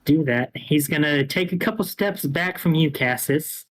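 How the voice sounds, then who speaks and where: A man narrating a tabletop role-playing game as game master, in a casual, halting way. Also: fairly high pitch, a bit bright, poor audio. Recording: faint music behind the voice. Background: music.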